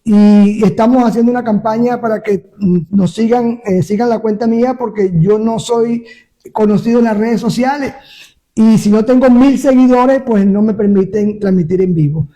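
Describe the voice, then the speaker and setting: A man's voice: high voice, moderate pace, mellow, low-quality recording. A young man, a pastor and radio host, reading scripture emphatically and interviewing in a live-streamed radio program. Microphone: live stream via phone.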